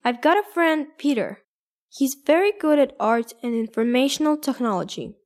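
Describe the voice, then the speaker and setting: A cheerful thirteen-year-old schoolgirl , played by a woman, introduces herself in a high, clear voice. Her delivery is careful and even, like a coursebook listening recording. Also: normal speed. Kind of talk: scripted textbook dialogue.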